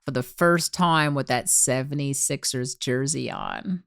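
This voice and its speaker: Woman, interview host, deep voice, slow pace, measured questions. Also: vocal fry, fairly bright tone, clean tone, dry recording, studio quality. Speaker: podcast host.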